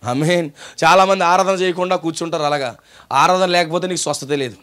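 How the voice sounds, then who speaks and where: A pastor with a Telugu accent delivers a sermon in a high, ringing voice. He preaches in waves of rhetorical questions and call-and-response, retelling the story and driving the point home to the congregation. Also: quick pace, fairly bright tone.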